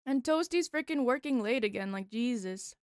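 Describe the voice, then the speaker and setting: A young woman streamer chatting casually with her viewers, bubbly and talkative, reacting loudly to the chat. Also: a little high, lively intonation, normal speed, no room sound, studio quality.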